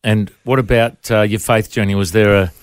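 A man's voice: lowish voice, fairly even intonation, moderate pace, clear, resonant tone, no echo. A man with an Australian accent hosting a conversational interview. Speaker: interview show host.

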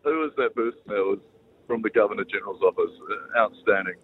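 A man's voice: fairly low pitch, quick pace, background noise. A man with a New Zealand accent chatting casually and hesitantly on a mobile phone while out catching a bus. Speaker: radio broadcaster on a phone call. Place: on the phone at a bus stop, then on a bus. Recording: narrow, tinny phone line.

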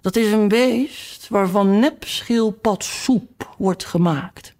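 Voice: mid-range voice, takes it slowly, pitched above the performer's own voice. A reader voicing a furious, tyrannical queen who barks orders. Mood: bossy. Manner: shouting commands. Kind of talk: audiobook reading.

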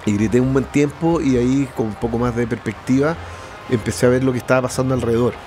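A man's voice: medium pitch, steady tone, a little mellow, soft background music. A man with a Chilean accent giving personal testimony, often breaking off and restarting his phrases. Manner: halting, restarts mid-phrase. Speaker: interviewee.

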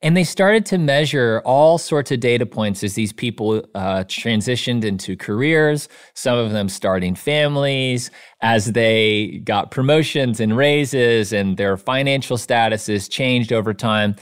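A man's voice: medium pitch, unhurried, few pauses, smooth. A man, an author being interviewed, who talks earnestly in a storytelling way and often says "you know". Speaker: author and guest. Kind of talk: casual interview chat.

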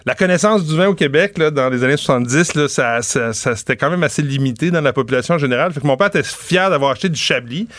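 A man's voice: a little high, animated, fast talker, hardly any pauses, fairly bright tone, dry recording. A man in his fifties with a Québécois accent, hosting a casual wine podcast and rambling through stories with plenty of restarts. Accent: Québécois French. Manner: rambling, with many restarts and fillers. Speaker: podcast host.

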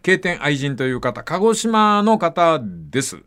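An older man hosts a casual radio talk segment, reading out listener letters and acting out dialect phrases as he tells animated stories. His pitch is fairly high and his pace a little slow.

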